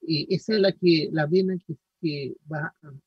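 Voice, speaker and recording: A middle-aged man lectures students, walking them through each point and checking that they follow. His voice sits fairly high and sounds a little husky. It comes across dry and muffled, picked up from a distance. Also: fairly even intonation, unhurried, no echo. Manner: explanatory, peppered with "¿no es cierto?" and "¿ya?". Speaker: anatomy lecturer. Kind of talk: university lecture.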